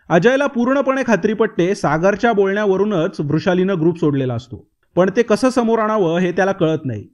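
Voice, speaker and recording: High-voiced male novel narrator. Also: a little mellow, lo-fi sound. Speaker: audiobook narrator.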